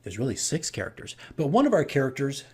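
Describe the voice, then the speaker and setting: Speaking fast with huge swings in pitch, this medium-voiced man hosts a laid-back campaign diary vlog as a game master. He rambles through his stories, pokes fun at himself, and repeats phrases to drive points home.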